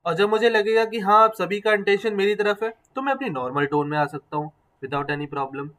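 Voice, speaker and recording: A man with a fairly high voice gives a classroom lecture. He explains step by step, mixing English phrases into his talk. He stops often to put questions to his students. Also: moderate pace, a bit bright, low-quality recording. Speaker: teacher.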